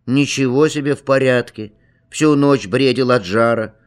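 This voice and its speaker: A man's voice: mid-range voice, normal speed, clear, resonant tone, close to an everyday voice. A man reading as a fussing, anxious mother. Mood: alarmed. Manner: fussing, alarmed. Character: anxious mother at a sick child's bed.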